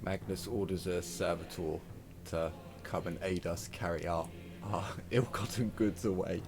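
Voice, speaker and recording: A man's voice: sits low, fairly even intonation, unhurried. A man playing a tabletop game, casually narrating what his character does. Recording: music playing behind the voice.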